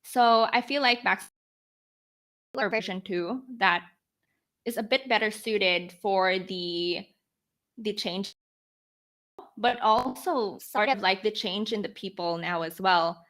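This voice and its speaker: Slow and pausing often, a woman around twenty from the Philippines lays out her ideas as a startup founder on a podcast, leaning on examples and rhetorical questions. Her mid-range voice has a fairly bright tone. The recording is low quality.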